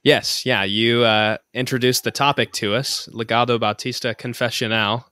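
A man's voice: medium pitch, fairly even intonation, normal speed, sharp tone, no room sound. Polite male podcast host, dry sound. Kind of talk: podcast interview.

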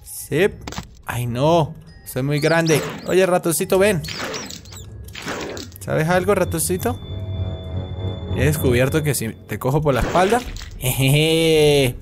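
A man hosting a gaming channel, giving excitable let's-play commentary and chattering to the game's creatures as the hungry monster he plays. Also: on the high side, slow, pauses often. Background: game music.

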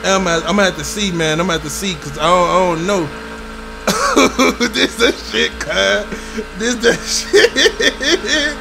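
A young man streams his gameplay and narrates it with excitable commentary, swearing and laughing as he goes. His voice sits high and gravelly, swinging widely in pitch. Game music and engine noise play behind him. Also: unhurried. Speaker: gaming streamer.

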